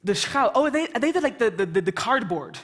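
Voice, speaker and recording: A woman's voice: on the high side, big pitch swings, a little fast. An English woman hosting a live event, joking and chatting with the audience on stage. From England. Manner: joking, chatty, teasing the crowd. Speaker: event host. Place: lecture hall with live audience.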